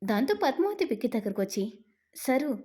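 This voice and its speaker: A woman narrating a dramatic serial story in a steady storytelling manner. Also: a little high, fast, slightly rough.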